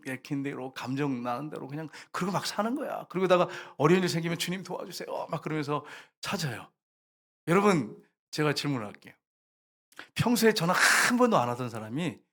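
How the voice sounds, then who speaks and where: A pastor with a fairly bright, somewhat high-pitched voice preaches a conversational sermon. He poses questions to the congregation and answers them himself, and he acts out short quoted prayers and complaints.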